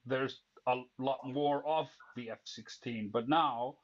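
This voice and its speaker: A man's voice: mid-range voice, steady tone, slow pace, muffled recording. A man from Iceland, a guest debater in casual chat, who knows his subject and often restarts his sentences.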